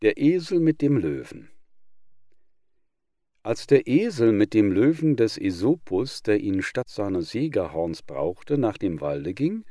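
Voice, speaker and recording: A man reading old fables aloud in a measured, expressive narration. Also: fairly low pitch, dry recording, studio quality. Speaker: audiobook reader.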